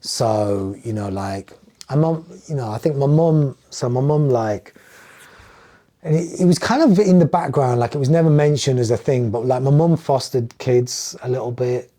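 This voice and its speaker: Man, English accent, middle-aged, podcast guest, animated storyteller, mellow dark tone. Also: mid-range voice, moderate pace. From England. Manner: animated storytelling, acting out quoted dialogue. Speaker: guest, music producer. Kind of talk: casual podcast conversation.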